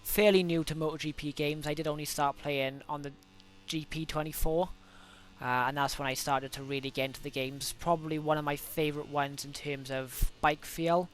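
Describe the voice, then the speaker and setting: A young Welsh man, his voice a little high with a steady tone, chats casually at a moderate pace while running laps in a racing game. He's a gaming video host with a cold coming on, and his commentary is full of fillers and self-corrections.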